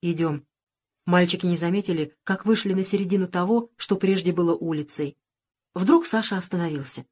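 A woman reading a storybook aloud in a calm, even narrating voice. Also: lowish voice, a little fast, husky. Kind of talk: scripted narration.

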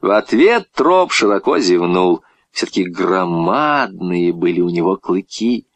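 A man reading a children's story aloud with expressive, swinging delivery. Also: low voice, a little slow, dry recording, highs cut off.

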